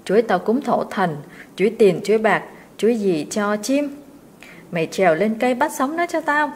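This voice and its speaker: Woman doing cruel mistress, loud scolding, sharp. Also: medium pitch, lively intonation, normal speed, slight background noise, lightly acted. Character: harsh, bad-tempered rich mistress.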